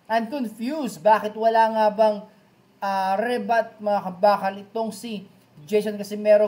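A man's voice: high voice, a little mellow. Chatty man vlogging boxing gossip. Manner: chatty, peppers every phrase with a fan nickname, dramatic exclamations. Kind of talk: commentary vlog reading social media comments.

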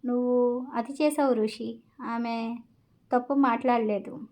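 A woman's voice: a little high, fairly even intonation, a little slow, a little mellow. A woman reading the lines of a fair-minded young man who reasons earnestly with a friend.

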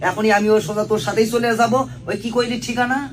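Performer as inquisitive, eager villager for a dialect advert, rapid delivery, Sirajganj regional accent, some distance from the mic. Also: medium pitch, level tone, soft background music, close to an everyday voice. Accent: Sirajganj regional Bangladeshi. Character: curious, eager villager questioning a friend.

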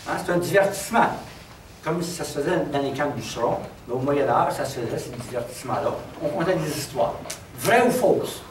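A man with a Québécois accent telling a traditional folk tale in an animated, dramatic way. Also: a little high, a little hiss or hum. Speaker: storyteller. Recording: roomy, distant mic, faint background.

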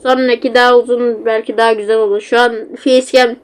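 A woman with a Turkish accent plays a horror game at home, seated before a facecam with a built-in mic, offering casual, self-mocking commentary. Her voice is a little high and clear with a resonant tone, delivered flatly and a little fast. She comes across as chatty and easily flustered.

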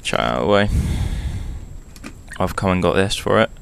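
A young man with a low voice talks in an offhand, chatty way, as in a casual motorcycle vlog. He is hungover and walking through his gear. The helmet-camera recording has a faint rumbly noise behind him. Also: lively intonation, normal speed, vocal fry. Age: young adult. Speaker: motorcycle vlogger. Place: small bedroom indoors.

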